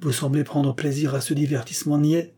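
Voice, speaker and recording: A man's voice: fairly high pitch, brisk, husky, pitched above the performer's own voice. A man playing a stiff, cold English schemer. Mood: angry. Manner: curt, flat English tone turning angry.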